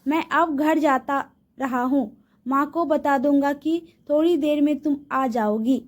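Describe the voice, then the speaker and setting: A woman's voice: high voice, measured pace. A woman voicing a firm, protective young brother. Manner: firm, reassuring. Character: stern young man, protective older brother.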